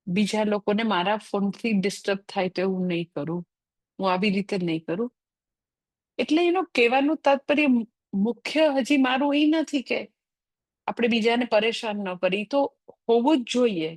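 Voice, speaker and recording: High-voiced woman teaching a scripture class. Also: a little mellow, dry recording. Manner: conversational, sprinkles English phrases. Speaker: spiritual teacher.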